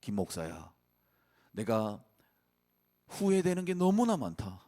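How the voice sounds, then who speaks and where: Old dying pastor, regretful, fatherly, earnest, quoted by a male preacher, lively pitch. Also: takes it slowly, full character voice.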